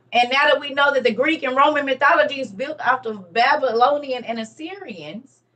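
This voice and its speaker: A woman teaching her viewers in an emphatic, repetitive way. Her voice sits somewhat high, and it comes across as a little distant from the microphone. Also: fairly bright tone. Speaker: online teacher on religion and history. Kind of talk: casual lecture to viewers.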